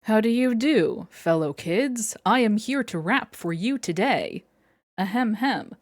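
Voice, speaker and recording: A woman's voice: fairly high pitch, animated. A woman doing a swaggering pirate rapper man. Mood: boastful. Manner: slow drawled pirate talk with "arr" and "be". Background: game music.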